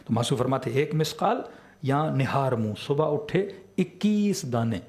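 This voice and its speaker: A man's voice: medium pitch, darkish tone. A man with a Pakistani Urdu accent giving a religious lecture as a cleric, who often asks a question and then answers it himself. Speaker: Shia cleric.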